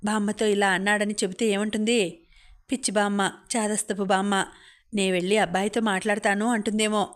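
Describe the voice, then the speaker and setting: Woman, audiobook narrator, reading a novel, even and unhurried, flat pitch, Telugu accent. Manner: even, unhurried storytelling with quoted dialogue.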